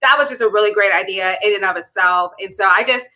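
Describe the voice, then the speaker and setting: Bubbly woman host, bright voice. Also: medium pitch, fast talker, rough recording. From Pittsburgh. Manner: bubbly, laughs often, rambling restarts. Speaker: livestream show host. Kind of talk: casual interview chat.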